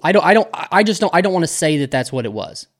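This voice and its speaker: A man's voice: on the high side, sing-song, fast. A man co-hosting a podcast, chatting casually and stumbling over his words. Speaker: podcast co-host. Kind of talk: casual chat.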